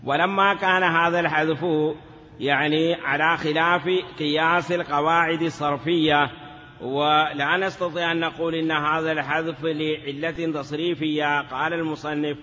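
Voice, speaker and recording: A man's voice: a little high, steady tone, moderate pace, pushed and bright, long reverb tail, dull audio, slight background noise. A man teaching a grammar lesson in a classroom, asking questions and answering them himself, sometimes drawing words out in a chanting lilt. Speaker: teacher of Arabic morphology. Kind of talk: classroom lecture.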